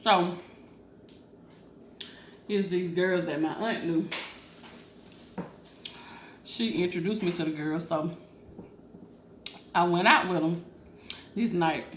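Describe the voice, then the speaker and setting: A woman with a lowish voice speaks slowly, with long pauses, as a mukbang vlogger telling stories while she eats. Her chat is informal and rambling, recorded with a roomy echo and faint background noise.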